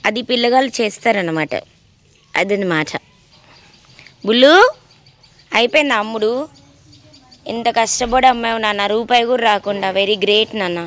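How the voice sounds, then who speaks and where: Lady fussing over her dogs, high voice, teasing and doting. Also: normal speed, long pauses, no room sound. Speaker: vlogger talking to her pet dogs. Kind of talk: casual pet vlog chatter.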